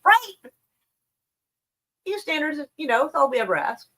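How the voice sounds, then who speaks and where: A woman's voice: sits high, very animated, normal speed, pushed and bright. A woman chatting casually on a live stream about the news, rambling and wry, with plenty of swearing. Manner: profane, laid-back, wry.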